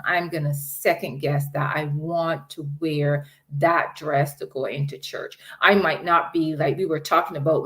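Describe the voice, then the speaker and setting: A woman's voice: low voice, fairly bright tone. A woman on a church panel discussion, speaking reflectively and thinking aloud, often murmuring agreement.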